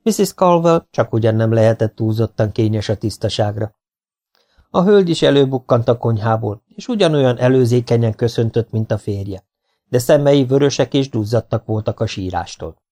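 A man reading a story aloud as an audiobook narrator, with a steady, even storytelling delivery. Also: medium pitch. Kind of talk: scripted narration.

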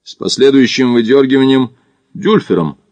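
A man voicing a brash, talkative Australian male climber with a brisk, mocking manner. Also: mid-range voice, darkish tone, no echo, voice pushed up, lightly acted.

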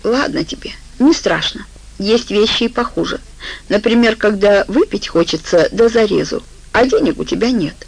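Sly persuasive woman, soothing and scheming, gravelly low voice from a woman reader. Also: expressive, moderate pace, poor audio. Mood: coaxing. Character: cunning, coaxing manipulative woman schemer.

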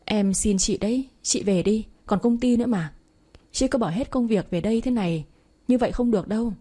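A woman's voice: on the high side, fairly quick, dark tone, natural voice. A woman voicing a patient, polite young village man. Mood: weary. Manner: polite, apologetic, firm.

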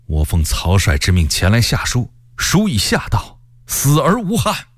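A man's voice: medium pitch, wildly swooping pitch, a little slow, no room sound, clean studio sound. A male storyteller voicing a captured male rebel messenger who sighs and speaks with scorn, resigned to death. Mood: defiant.

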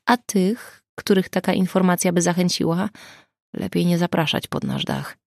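A woman reading the lines of a weary, harassed female crime writer in an audiobook, earnest and rueful, with a creaky voice. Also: lowish voice, wildly swooping pitch, moderate pace, no echo, studio quality, full character voice.

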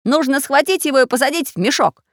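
A woman plays a storybook iron man who takes charge. He speaks quickly and bossily, a little higher than an everyday voice. The narration is close and dry. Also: expressive, a bit bright, dry recording. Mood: commanding. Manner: commanding. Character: brisk little iron man, bossy inventor.

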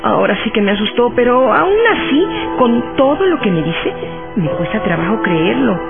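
Actress doing curious skeptical young woman in radio horror, very animated, tinny sound. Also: fairly high pitch, moderate pace, gravelly. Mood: uneasy. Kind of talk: radio horror drama acting. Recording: tinny narrowband radio drama with music.

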